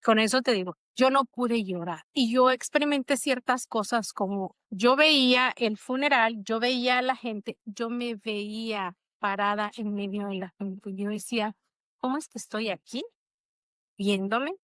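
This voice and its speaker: A woman's voice: on the high side, measured pace, fairly bright tone, no echo. A middle-aged woman, an interview guest, telling a personal story in a reflective, emotional way. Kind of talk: conversational interview.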